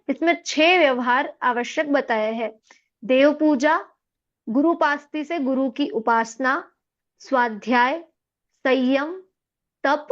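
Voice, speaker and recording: A woman teaching a scripture class, patiently explaining and checking in with her students. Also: sits high. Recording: dull lo-fi audio.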